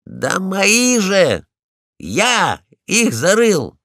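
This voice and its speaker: A man's voice: high-pitched, expressive, very slow, vocal fry, sharp tone, dry recording, studio quality, pitched above the performer's own voice, full character voice. A man voicing a proud, indignant male dog in a storybook, stern and put out.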